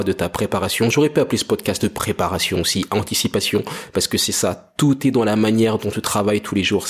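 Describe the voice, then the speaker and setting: Earnest low-voiced French man, husky. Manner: earnest, motivational, addresses listener directly. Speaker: podcast host. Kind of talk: reflective monthly podcast monologue.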